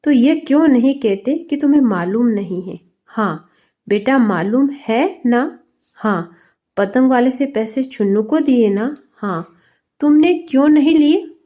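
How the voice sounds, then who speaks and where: A woman's voice: on the high side, animated, measured pace, mellow. A woman voicing a stern middle-aged father who presses his young son with scolding questions, in a storybook reading. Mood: questioning.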